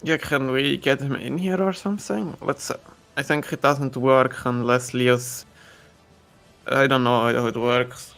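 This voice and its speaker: A man's voice: medium pitch, steady tone, measured pace, gravelly, a bit bright, faint music behind. Easygoing young man player. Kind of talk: casual tabletop game chat.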